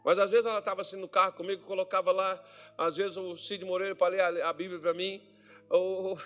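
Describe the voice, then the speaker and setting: A male pastor preaching a fervent sermon, dropping to hushed asides and then rising to shouts. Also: high-pitched, level tone, brisk, faint music behind. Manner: fervent, swinging between hushed talk and shouting. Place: church meeting hall.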